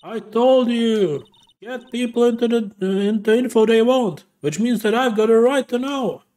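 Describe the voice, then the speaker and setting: A man voicing a loud, pushy female tabloid reporter with a put-on Southern accent and a brash, twangy delivery. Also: high voice, big pitch swings, measured pace, voice pushed up, heavily acted.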